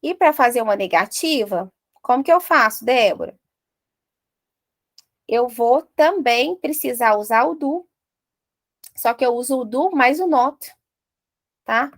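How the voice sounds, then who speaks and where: Joking around in an animated way, this Brazilian Portuguese-accented woman with a slightly high voice leads an English grammar lesson. She drills conjugations slowly one by one, and the recording is dry.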